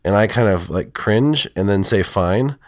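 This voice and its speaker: A male counselor with a voice lowered by illness, explaining in a rambling, hesitant way full of fillers. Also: moderate pace, no echo, clean studio sound. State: sick, voice lowered from strep throat. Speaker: counselor and podcast co-host. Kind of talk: casual podcast conversation.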